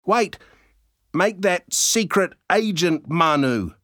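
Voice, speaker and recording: A man's voice: high-pitched, lively intonation, takes it slowly, a bit bright, no room sound, studio quality, voice pushed up, exaggerated voice. Man doing an eager young boy.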